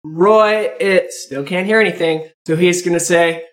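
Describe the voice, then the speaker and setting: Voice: medium pitch, moderate pace. A player in a tabletop game, talking methodically about the rules. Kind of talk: casual tabletop play.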